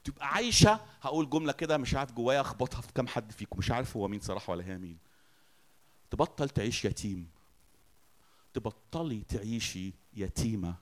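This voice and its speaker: A man with an Egyptian Arabic accent preaching a sermon. He asks the congregation questions and answers them himself, moving between loud declarations and soft, quiet lines. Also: mid-range voice, animated, fast talker.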